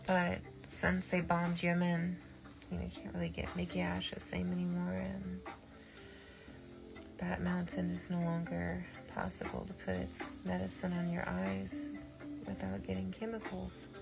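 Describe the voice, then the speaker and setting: On a rambling late-night stream, a woman speaking as a spiritual medium uses a lowish, unhurried voice with vocal fry. Her talk digresses and is packed with fillers and restarts, and faint music from the early nineties plays behind her.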